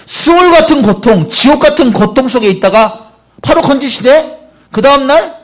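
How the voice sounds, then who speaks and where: A man's voice: very high voice, animated, normal speed. A middle-aged male pastor preaching a Sunday sermon at a church service, asking his congregation questions directly.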